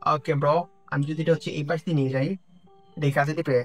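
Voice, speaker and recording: A young man from Bangladesh giving casual, excited commentary on a game he is playing, mixing English phrases into his talk. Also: a little high, quick pace. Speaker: gaming YouTuber. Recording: music playing faintly behind.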